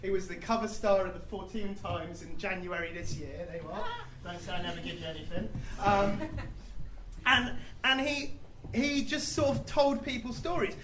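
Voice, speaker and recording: Casting: high-voiced man rambling through a comic story onstage, echoey venue. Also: fairly even intonation, background noise. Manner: rambling, self-deprecating, halting with fillers. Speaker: comedy musician. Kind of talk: storytelling on stage. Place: comedy club stage.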